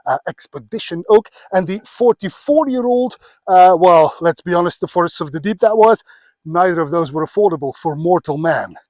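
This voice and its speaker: A slightly breathless man in his fifties from Belgium, giving a chatty whisky tasting outdoors on a mountain. His voice sits a touch high for a man, and it is recorded close and dry with no room sound around it. He often pauses with "uh" as he talks. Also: a little mellow, dry recording. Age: 50s. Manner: chatty, many filler "uh"s. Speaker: whisky blogger.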